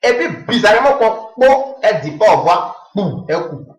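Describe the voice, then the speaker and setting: A man telling a comic monologue in an animated way, slipping into low muttered voices as he acts out phone calls. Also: moderate pace, reverberant, rough recording.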